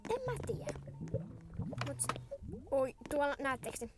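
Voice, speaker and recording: High-voiced girl narrating gameplay, hoarse. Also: big pitch swings, background noise. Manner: chatty, thinks aloud, clears throat often. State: voice going hoarse. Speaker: gaming video host. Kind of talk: casual gameplay commentary. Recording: loud game music behind. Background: loud game music.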